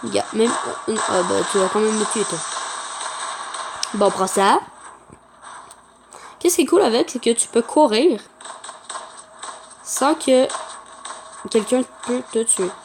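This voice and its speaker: High-voiced excitable woman commentating gameplay. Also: unhurried, gravelly, pauses often, background noise. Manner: chatty, excitable, talks to viewers and opponents. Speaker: gameplay channel host.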